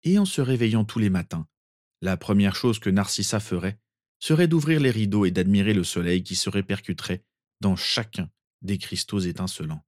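Deep-voiced man narrating a story. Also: moderate pace, darkish tone, dry recording, studio quality.

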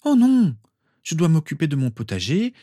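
Man putting on a cheerful young girl from a storybook, voice raised well above his own, eager and chatty, told in a dry, close sound. Her lines tumble out quickly with lively lifts. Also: fairly high pitch, no room sound, voice pushed up.

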